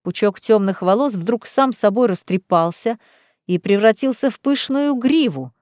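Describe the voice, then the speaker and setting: A woman reading a fantasy novel aloud as the narrator, in an even, measured way. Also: mid-range voice, no echo, studio quality. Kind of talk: audiobook narration.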